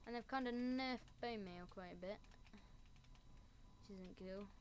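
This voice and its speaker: Against background noise, a woman with a medium-pitched voice speaks unhurriedly. She gives relaxed gameplay commentary on building in Minecraft, rambling and teasing herself.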